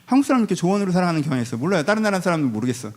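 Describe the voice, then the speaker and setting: A male pastor delivers a Sunday sermon in a casual, conversational manner. His voice sits a little high and swings widely in pitch, and he often acts out everyday family conversations. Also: big pitch swings, rapid-fire. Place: church sanctuary.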